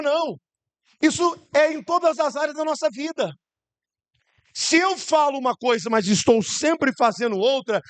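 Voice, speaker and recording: Male Brazilian preacher, high-pitched, sermon full of rhetorical questions. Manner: acts out quoted voices.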